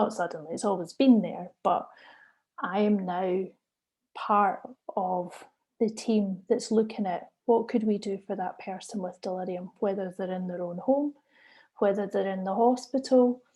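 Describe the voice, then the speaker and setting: Middle-aged woman presenter, measured and earnest, mid-pitched and mellow. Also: husky. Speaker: consultant geriatrician giving a talk. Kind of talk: recorded conference presentation.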